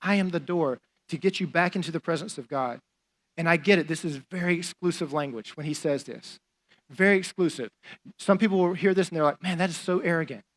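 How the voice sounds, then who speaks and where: A man's voice: a little high, fairly quick. A young adult man, a pastor, preaching a sermon in a conversational, emphatic way, often saying "like" and repeating phrases for stress.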